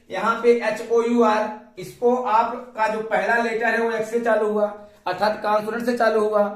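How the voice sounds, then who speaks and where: A man's voice: sits high, fairly bright tone, roomy sound, recorded from a distance. A man from India teaching an English grammar lesson, who often asks a question and then answers it himself. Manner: repeats questions to students.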